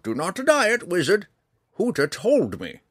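A man voicing a stern, gruff male woodland hermit who scolds in a raised, high voice. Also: huge pitch swings, moderate pace, a bit bright, no room sound, studio quality, heavily acted. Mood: scolding.

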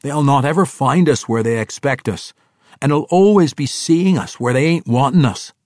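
A man voicing a bold dwarf warlord who talks bluntly in rough common speech. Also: mid-range voice, normal speed, darkish tone, dry recording, clean studio sound, pitched above the performer's own voice, close to an everyday voice. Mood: boastful.

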